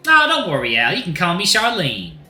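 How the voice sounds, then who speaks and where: Here a man goes heavily acted as a flamboyant rooster drag queen bar owner, with a put-on Southern American accent and a sassy, welcoming mood. His pushed-up, bright high voice swings hugely in pitch, moves a little fast, and is folksy and effusive with terms of endearment. The echoey room has soft background music.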